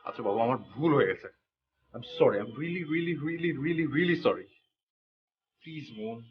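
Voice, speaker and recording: An actor playing a fussy, germ-fearing young husband in a TV drama, panicky and pleading. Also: male voice, a little high, lively intonation, normal speed, muffled recording, natural voice. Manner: panicky, then softly pleading. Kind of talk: TV drama acting.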